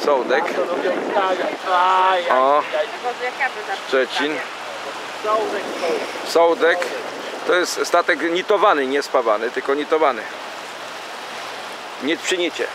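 Filming from a small boat on a city river, a man gives a casual, rambling commentary like an amateur tour guide, chatty and full of fillers and self-corrections. His voice is fairly high and slow, with long pauses. The audio is poor, with a crowd behind him and loud wind and engine noise.

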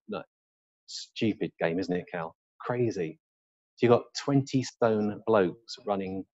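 A middle-aged man with a lowish voice delivers a live lecture as an orthopaedic surgeon. He talks emphatically and bluntly, throwing in rhetorical questions and dry humour. The sound is dry and slightly muffled. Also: darkish tone, no room sound. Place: hospital lecture room with a live audience.

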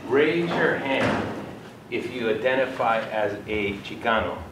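A man, a professor leading a class discussion in casual, halting speech with many fillers. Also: medium pitch, animated. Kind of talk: classroom facilitation. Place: university classroom with students. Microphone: far camera. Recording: echoey classroom, distant camera mic, background noise.

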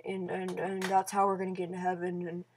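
A woman vlogging casually from her bedroom into a computer webcam mic. She rambles with lots of fillers and restarts, drifting from soft mumbles to louder bursts. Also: fairly low pitch, completely flat delivery, quick pace, a little hiss or hum.

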